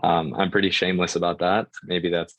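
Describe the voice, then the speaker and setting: Speaking with a deep, level, slightly bright voice at a brisk pace, a young American panel guest gives casual advice on finding work, hesitating and leaning heavily on fillers. The recording is dry and its high frequencies are cut off.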